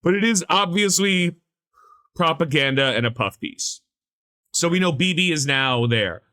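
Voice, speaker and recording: A man co-hosting a casual pop-culture podcast, talking in an animated, sarcastic rant with frequent swearing. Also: a little high, a little slow, clear, resonant tone. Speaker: podcast co-host.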